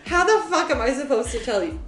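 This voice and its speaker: A young woman co-hosting a podcast, telling a story in a casual, profane, animated way, laughing often. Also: high voice, a little fast, reverberant, soft background music. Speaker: podcast co-host. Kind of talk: casual chat.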